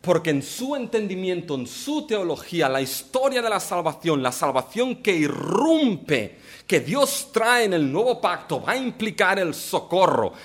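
Guy preaching a sermon, bit high voice, pitch jumps around a lot, throws in jokes and questions. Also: measured pace. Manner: animated preaching with asides and rhetorical questions. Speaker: pastor.

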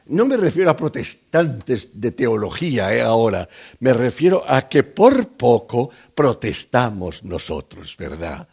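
Spanish pastor preaching, husky voice, acts out the story, pitch all over the place. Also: male voice, a little slow. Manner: animated, acts out scenes with voices. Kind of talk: sermon.

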